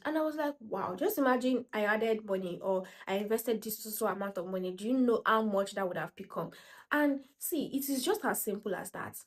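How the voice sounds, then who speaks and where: A woman gives casual, motivational finance talk to camera. She speaks emphatically and repeats her points. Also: a little high. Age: 20s. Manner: emphatic, repeats points, acts out quoted voices. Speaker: personal finance vlogger.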